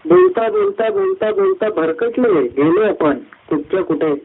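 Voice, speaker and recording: A man giving a devotional discourse at a satsang, climbing high through lists of words and slowing down on key phrases. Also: huge pitch swings, gravelly, slightly rough. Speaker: satsang speaker. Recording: tinny phone-like line.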